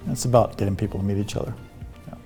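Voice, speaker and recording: A middle-aged man from Ireland who is an artist in residence, speaking in an interview in a hesitant, halting way with many fillers. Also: fairly low pitch, fairly even intonation, warm tone, soft background music.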